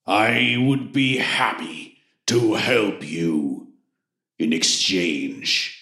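A man voicing an old, stern and greedy hermit mouse wizard, speaking slowly and solemnly in a booming voice that resounds through the halls. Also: expressive, sharp tone, heavily acted. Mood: haughty, ominous. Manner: slow, solemn and commanding. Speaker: game master voicing a character. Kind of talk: tabletop role-play acting. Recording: roomy echo.

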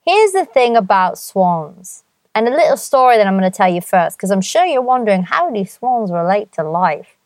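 A woman's voice: medium pitch, very animated, normal speed, a little mellow, no echo. A woman hosting her own podcast, talking in a playful, theatrical way with jokey asides. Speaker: podcast host. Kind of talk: chatty solo podcast monologue.

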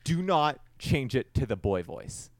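Man, podcast co-host, rambling self-deprecating joker, mid pitch, dry close mic. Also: very animated, measured pace, no echo. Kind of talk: casual chat.

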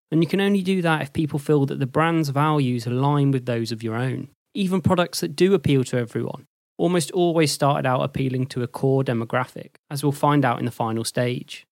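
Measured man explaining advertising steps. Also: medium pitch, vocal fry, no echo, studio quality. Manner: measured, even delivery. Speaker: host and lecturer. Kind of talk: scripted explanatory narration.

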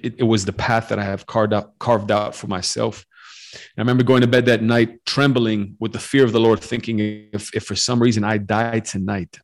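A man in his forties, born in Romania, telling his faith story as a guest on a podcast call, earnest and full of fillers and restarts. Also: lowish voice. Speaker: guest missionary. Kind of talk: testimony in a podcast interview. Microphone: remote call over the internet.

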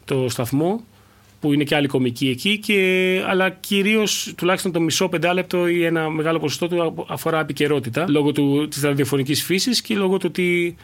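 A young man, a stand-up comedian, chatting casually in an interview and thinking aloud with many fillers and restarts. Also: on the high side.

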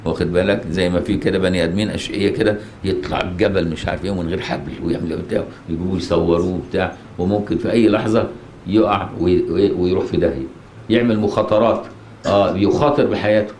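Speaking with an Egyptian Arabic accent, a man delivers a religious lesson in simple colloquial language, asking his listeners questions to confirm they follow. His low voice is steady and a little mellow, heard with mosque echo and faint noise beneath.

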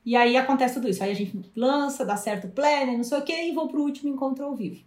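A Brazilian woman speaking as a guest, telling a story in a lively way and acting out past conversations. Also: high-pitched, fast talker. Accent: Brazilian Portuguese. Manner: animated, acts out past dialogues. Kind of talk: casual storytelling interview. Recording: roomy echo.

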